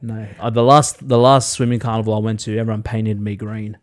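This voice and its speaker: A man's voice: fairly low pitch, little pitch movement, a little fast. An Australian man chatting casually as a podcast co-host, with a laconic manner, short repeated phrases and easy swearing. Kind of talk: casual chat.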